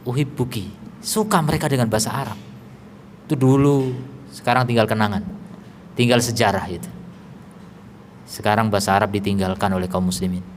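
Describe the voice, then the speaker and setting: A man's voice: lowish voice, quick pace, pauses often. A man giving a religious study lecture in a conversational way, full of rhetorical questions and teasing asides. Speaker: Islamic teacher. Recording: long echo in a hall, faint background hiss.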